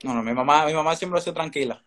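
His voice sits a little high and fairly bright, and he talks at a quick pace. The teenage young man from the Dominican Republic, with his Dominican accent, is a casual interview guest on a remote video call indoors, using a phone or laptop close in front.

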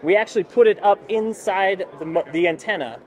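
In a busy indoor expo hall booth, a man in his forties representing a company gives a casual, eager product pitch, talking a little fast and explaining as he goes.

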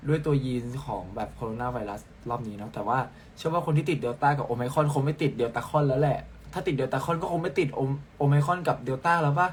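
A man's voice: fairly high pitch, slight background noise. A young man from Thailand, a singer, chatting casually and playfully with fans at home while reading out their comments on a phone live stream. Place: at home, in sleepwear.

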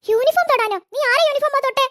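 A woman's voice: extremely high pitch, fast talker, fairly bright tone. A woman doing a fretful doting cartoon grandma. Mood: alarmed. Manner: fretful, exclaiming. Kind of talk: cartoon voice acting.

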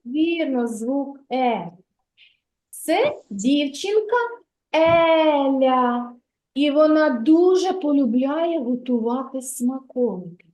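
A kindergarten teacher woman leading a literacy lesson, her voice high and her pace slow and deliberate. She is patient and encouraging and praises the little ones often. The sound carries the echo of a roomy classroom. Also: animated, a little mellow.

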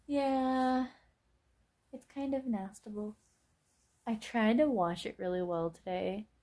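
A woman's voice: a little high, takes it slowly, dark tone. Woman in her twenties, late-night chatty vlogger, wandering and self-deprecating. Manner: rambling, self-mocking, many fillers. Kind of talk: casual late-night chat vlog.

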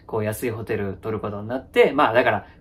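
A man's voice: fairly low pitch, fast talker, husky. A man playing a young boyfriend in a one-sided comedy sketch, placating, repeating phrases nervously and laughing awkwardly. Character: young male boyfriend, placating, avoids any conflict.

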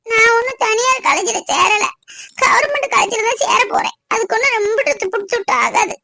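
A woman's voice: very high-pitched, brisk, vocal fry, crowd noise. A woman voicing a young village girl in a cartoon, who pleads to study. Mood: pleading. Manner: pleading, tearful.

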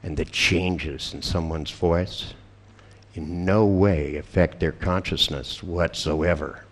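A man's voice: low-pitched, steady tone, takes it slowly. An older man giving a seminar talk, telling stories in a wry, sardonic way with profane asides. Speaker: seminar presenter. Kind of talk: storytelling lecture.

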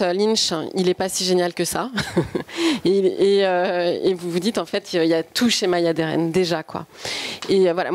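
Woman, moderator, lowish voice, dry close sound, halting, many fillers, guides the guest. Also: no echo. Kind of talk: hosting a public talk. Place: live event in a shop.

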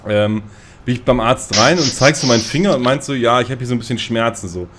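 Speaking quickly in a medium-pitched, somewhat bright voice, a man tells his fellow players a meandering, self-deprecating tale over multiplayer voice chat. He's casual about it and keeps cracking himself up.

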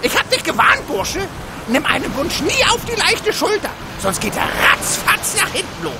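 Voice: very high-pitched, huge pitch swings, moderate pace, full character voice. An actor playing a small, cranky, mischievous male leprechaun in a video game, scolding theatrically. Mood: scornful. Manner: scolding, theatrical, full of quaint insults. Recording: clear background ambience noise.

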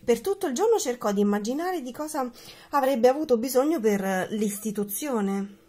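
A woman reading a children's picture book aloud in an expressive, animated way. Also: a little high, normal speed. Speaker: reader.

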